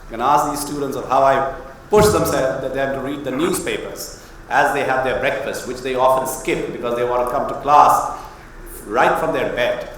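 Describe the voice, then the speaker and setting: A man's voice: medium pitch, normal speed, a bit bright, distant mic. Man moderating in an echoey hall. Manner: conversational and rhetorical, asks the audience questions. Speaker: faculty moderator. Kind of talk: hosting an open-house Q&A. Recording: echoey hall, off-mic, faint noise.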